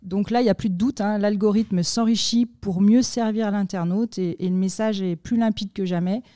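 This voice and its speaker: A woman explaining content marketing on a podcast in a measured way, with many fillers. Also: medium pitch, steady tone, mellow, no room sound, studio quality.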